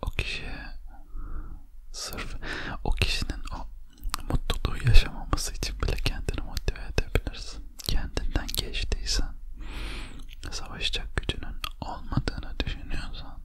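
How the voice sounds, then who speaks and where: Male ASMR host, thirties, quiet late-night delivery, fully whispered and breathy, slow soothing bedtime encouragement addressed to one listener. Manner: quiet, as if at night before sleep. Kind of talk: ASMR motivational talk. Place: small lamp-lit room at home.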